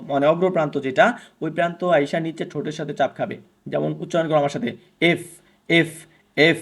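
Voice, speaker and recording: Man teaching a basic grammar lesson. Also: fairly high pitch. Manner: asks questions and answers them himself; repeats sounds slowly for students to copy. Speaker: English teacher.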